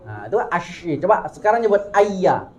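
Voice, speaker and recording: Woman teacher, kinda low voice, keeps correcting and saying the sounds again and again. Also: sing-song, moderate pace, darkish tone, lo-fi sound. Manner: corrective, demonstrates sounds repeatedly. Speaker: Quran recitation teacher. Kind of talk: hands-on recitation coaching.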